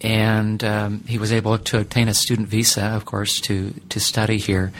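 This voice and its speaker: A middle-aged man who teaches ethics, answering interview questions in a thoughtful, deliberate way with many pauses. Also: on the low side, completely flat delivery, a little hiss or hum.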